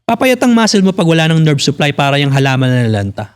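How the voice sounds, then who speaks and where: A Filipino physical therapist in his forties chats bluntly on a casual podcast, swearing freely and slipping into English. His voice sits a little high with big swings in pitch, and he talks fast in a clean tone.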